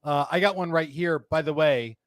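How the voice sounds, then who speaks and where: A man's voice: fairly high pitch, normal speed, no echo. Jokey man hosting a live chat. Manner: jokey, rambling, reads viewer comments aloud. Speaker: host of a live cigar show. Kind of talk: casual live-stream chat.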